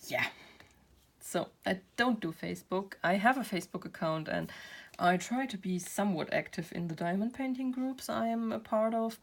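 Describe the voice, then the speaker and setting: A woman who hosts a craft channel, chatting casually while she works and rambling with self-deprecating laughs. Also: lowish voice. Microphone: built-in camera mic.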